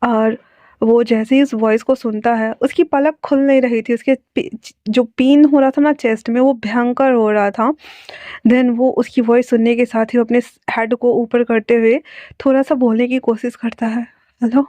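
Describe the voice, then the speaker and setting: A woman's voice: a little high, steady tone, normal speed, mellow, no room sound. Chatty woman narrating a story. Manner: chatty, with restarts and asides. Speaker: fan fiction narrator. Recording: dull lo-fi dry recording.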